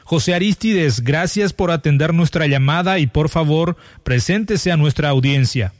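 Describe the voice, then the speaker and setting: A man's voice: on the high side, normal speed, no echo, studio quality. Courteous male interview host. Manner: formal, courteous. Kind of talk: scripted interview hosting.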